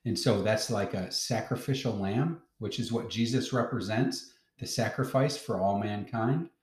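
A man's voice: fairly low pitch, moderate pace, darkish tone, reverberant. A man teaching a Bible lesson to a child, patiently asking questions and explaining as he reads.

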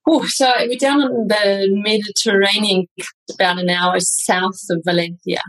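A woman, a neuroscientist guest on an interview, talking in an animated, chatty way. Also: mid-range voice, unhurried, low-quality recording. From New Zealand. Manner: animated, chatty, many fillers and restarts. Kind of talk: conversational interview.

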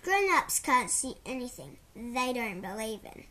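A woman's voice: a little high, big pitch swings, measured pace, bright, forceful tone, exaggerated voice. A woman voicing a lazy, wry male dragon in a storybook, in an unbothered, teasing way. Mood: drowsy, wry.

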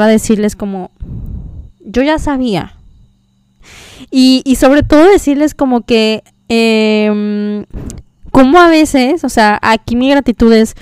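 A woman's voice: a little high, clear, resonant tone, no room sound. A young woman, hosting a podcast and telling a personal story in a chatty, confiding way with many fillers. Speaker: podcast host. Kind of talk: casual storytelling chat.

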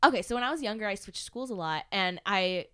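A woman's voice: medium pitch, fast talker, clear, resonant tone. A woman in her twenties co-hosting a podcast, telling stories casually with lots of "like". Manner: animated storytelling with filler "like". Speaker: podcast co-host. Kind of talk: casual chat.

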